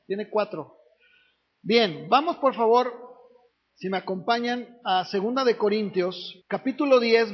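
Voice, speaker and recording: A man, a pastor preaching a sermon in a conversational way, often asking the congregation questions. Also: high-pitched. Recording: dull lo-fi recording.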